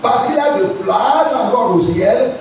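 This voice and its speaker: Man, pastor, very high voice, emphatic sermon, shouts and questions the crowd, far from the mic. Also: animated, measured pace, a little hiss or hum. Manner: emphatic, alternates shouting with quiet asides; asks the congregation questions. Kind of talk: preaching sermon. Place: church hall before a congregation. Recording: very echoey church hall, voice from far off the mic.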